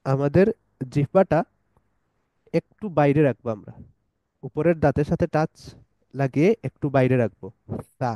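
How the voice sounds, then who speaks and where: A man's voice: a little high, moderate pace, pauses often, dark tone, dry recording. A man teaching a pronunciation lesson, saying each letter sound over and over for listeners to repeat, with English phrases mixed in. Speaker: tajweed teacher.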